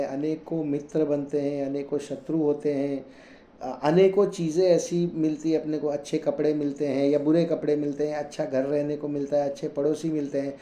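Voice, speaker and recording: In an echoey room with a low hum in the background, a man with a fairly high yet mellow, easygoing voice reads Jain scripture. He chants the verses unhurriedly, then explains them in simple conversational Hindi.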